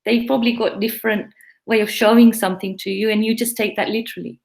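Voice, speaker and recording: Gravelly and somewhat dark in tone, this pharmacy owner's voice still sits on the high side, holding steady as she talks fast. She's a middle-aged East African woman with a mixed East African and English accent, reflecting earnestly as a guest in a casual interview.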